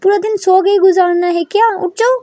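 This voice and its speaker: A woman voicing a loud, impatient middle-aged mother who nags and shouts. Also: extremely high pitch, steady tone, a little fast, no echo, pitched above the performer's own voice. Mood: scolding. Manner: shouting, nagging.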